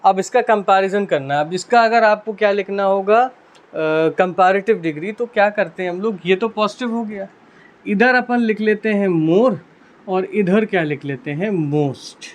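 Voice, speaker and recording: A man's voice: high-pitched, moderate pace. A male English teacher with a Hindi accent explaining grammar rules in a classroom lesson, who keeps asking and answering his own questions and repeating "theek hai". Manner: repeats "ठीक है" constantly.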